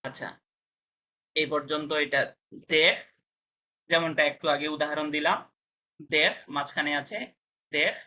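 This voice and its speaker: A man's voice: on the high side, steady tone, a little slow, long pauses, bright, forceful tone. A man teaching a language class, patiently explaining pronunciation step by step and checking whether students understand.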